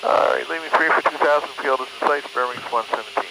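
A man speaking as an airline pilot over the aircraft radio, giving clipped, routine readbacks of clearances. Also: medium pitch, quick pace, a loud crowd, rough recording. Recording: radio transmission under loud aircraft noise.

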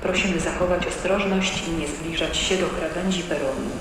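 A man's voice making a formal train station loudspeaker announcement in a measured, even delivery. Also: a little high, recorded from a distance. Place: large train station platform. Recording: echoey station hall heard from afar. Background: loud train and station noise.

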